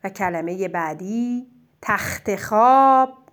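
A woman teaching a child spelling, dictating words slowly and clearly and praising their answers. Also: medium pitch, expressive. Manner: slow, drawn-out dictation of single words; gentle, encouraging teacher talk.

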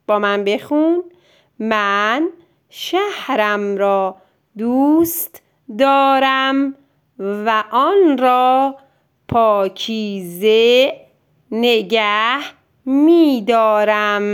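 A woman teacher, dictating sentences word by word to a child and gently encouraging them. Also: on the high side, animated, clear, resonant tone. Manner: drawn-out syllable-by-syllable dictation. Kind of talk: slow dictation lesson for a child.

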